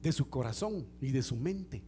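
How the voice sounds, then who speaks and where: A man preaching a sermon as pastor, dropping to near-whispered asides and rising to shouted peaks, acting out the people in his stories. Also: mid-range voice, expressive, moderate pace, a little hiss or hum. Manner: acts out quoted people in a storytelling way. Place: church.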